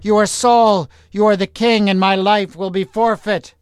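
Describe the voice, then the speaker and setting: A man's voice: sits high, little pitch movement, very slow, clean tone, dry recording, voice pushed up, heavily acted. A man voicing an old female witch who acts as a medium, speaking in a strained, dramatic voice. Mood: terrified.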